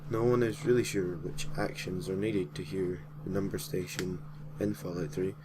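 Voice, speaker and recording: This low-voiced man keeps a steady tone at normal speed while noise runs in the background. Hosting and narrating a gaming creepypasta series, he reads a gaming story from a script informally, dropping in casual, slightly hesitant asides.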